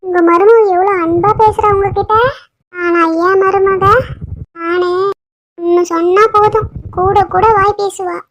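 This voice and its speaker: A woman's voice: extremely high pitch, fairly even intonation, a little slow, long pauses, highs cut off. A woman voicing a gossipy, complaining middle-aged neighbor aunty in a cartoon. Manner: whiny, complaining.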